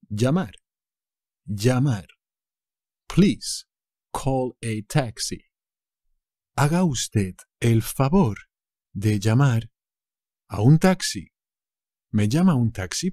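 Give me a playful male Spanish teacher from Spain with a Spanish accent, mellow voice, dry recording. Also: mid-range voice, dry recording. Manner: playful, with jokey asides and silly sounds. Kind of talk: language lesson for English speakers.

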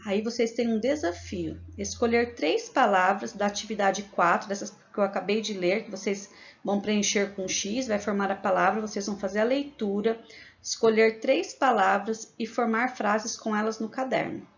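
A Brazilian woman teaching a remote lesson to young children, reading word lists slowly and clearly, then explaining tasks briskly. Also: mid-range voice, dull audio. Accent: Brazilian Portuguese.

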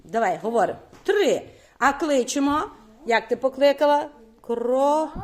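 Encouraging teacher woman, higher voice. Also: expressive. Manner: encouraging, quick questioning, frequent praise. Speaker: primary school teacher. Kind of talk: classroom lesson with young children. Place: classroom.

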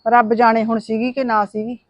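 A woman's voice: a little high, little pitch movement, brisk, close to an everyday voice. An older woman playing a worried mother caught between her son and her daughter-in-law, pleading and fretful. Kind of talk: Punjabi short film acting.

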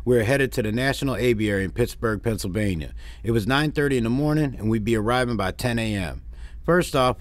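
A man's voice: medium pitch, no echo. Dry-voiced man from Detroit narrating. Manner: dry, plainspoken, wry complaints. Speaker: vlog host, road-trip narrator. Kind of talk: narrated travel recap.

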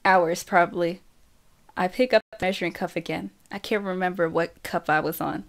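A woman reading a first-person novel aloud for an audiobook, slow and steady. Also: lowish voice, gravelly. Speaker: audiobook reader.

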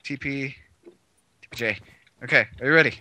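A man's voice: mid-range voice, fairly quick, bright, forceful tone. A man hosting a casual gaming video, rambling and hesitant, often giggling between fillers. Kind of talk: casual let's-play chat.

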